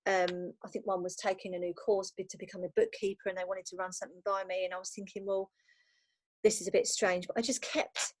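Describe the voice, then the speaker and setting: A woman's voice: mid-range voice, flat delivery, dry recording. A woman guest on a podcast, agreeable and reflective, speaking from a bedroom at home. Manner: agreeable and reflective, quick to affirm with "absolutely". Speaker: virtual assistant, guest. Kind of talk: casual chat.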